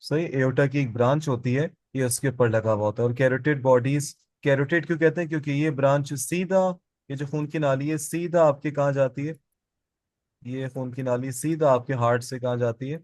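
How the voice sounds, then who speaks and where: A male biology teacher, speaking at a middle pitch and lecturing to a classroom. He puts questions to the students and then answers them himself, saying each key term twice. The sound is close and dry. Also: steady tone, moderate pace, a little mellow, dry recording.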